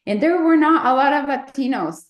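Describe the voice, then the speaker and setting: A woman from Mexico, a guest in an interview, speaking slowly and thoughtfully with many fillers. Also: sits high, expressive, echoey room. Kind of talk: interview conversation.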